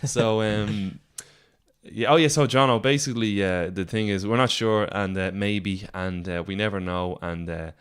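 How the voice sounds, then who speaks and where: An Irish man in casual podcast chat with his band, his voice sitting low with a clear, smooth tone. He rambles along unhurried, restarting sentences and filling gaps as he goes. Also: fairly even intonation, fairly bright tone. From Ireland. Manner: rambling, laid-back, lots of fillers and restarts. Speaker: podcast co-host, band member. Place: at a table with bandmates.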